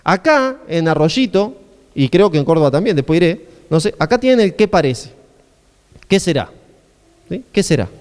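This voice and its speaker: A man with an Argentine accent preaching a sermon in a chatty, questioning way. His voice sits high and swings widely in pitch. He sounds smooth and resonant, with a long reverb of a church hall behind him. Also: animated, brisk, a little mellow. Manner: conversational preaching with frequent rhetorical questions. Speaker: pastor.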